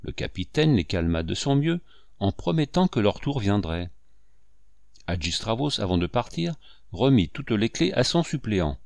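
A man narrating a classic novel in a lively, theatrical audiobook reading. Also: lowish voice, normal speed, vocal fry, no echo. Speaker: audiobook reader. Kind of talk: expressive literary narration.

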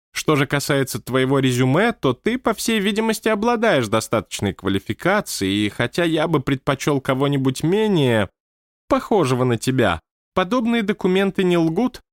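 A man's voice: sits high, dry recording, studio quality, pitched above the performer's own voice. A man voicing a haughty, imperious otherworldly male boss who gives commands. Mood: lofty. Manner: haughty, impatient, theatrical.

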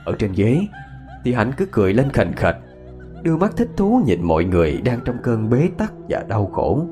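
A man's voice: mid-range voice, big pitch swings, normal speed, mellow. A man narrating a scripted ghost story with dramatic expression. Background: faint music.

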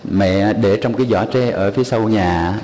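A man speaking as a poor, weary widowed village mother, plain and heartfelt. The low, mellow voice sits in a long hall reverb. Faint noise hums behind it. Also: normal speed, close to an everyday voice. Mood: gentle.

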